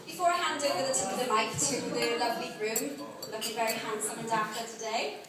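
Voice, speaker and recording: A woman's voice: a little high, fairly quick, over a noisy crowd. A young woman giving an informal, affectionate and teasing wedding toast as bridesmaid. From South Wales. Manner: jokey, teasing delivery. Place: large indoor wedding reception room, on a microphone. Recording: echoey hall from far off, music behind.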